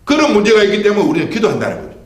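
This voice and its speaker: Animated man preaching in echoey church. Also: sits high, rapid-fire. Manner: preaching with rhetorical questions and call-and-response. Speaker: pastor. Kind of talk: Sunday sermon. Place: church sanctuary.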